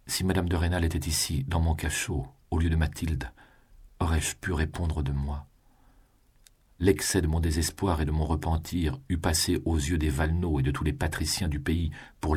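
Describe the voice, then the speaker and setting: A man voicing a proud young prisoner facing execution, musing in a low, subdued voice. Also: a little mellow, husky.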